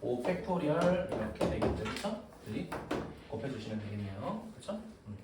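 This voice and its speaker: A man teaches a math class, joking with and teasing his students as he explains. His voice is medium in pitch with big swings, at a moderate pace. The lecture was captured from a distance in an echoey room, with noise in the background.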